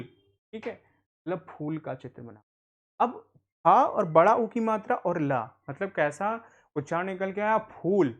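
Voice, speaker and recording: A man with a high voice, its upper frequencies cut off, teaches an adult literacy class as an online Hindi reading lesson. He patiently spells out words and answers his own questions.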